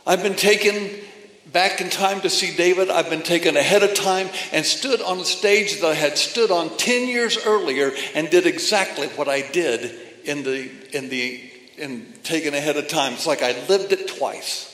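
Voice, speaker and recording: A man preaching a sermon with emphatic phrasing and pauses between phrases, addressing a congregation. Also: on the high side, fairly bright tone. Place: church or meeting hall. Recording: echoey hall from a distance.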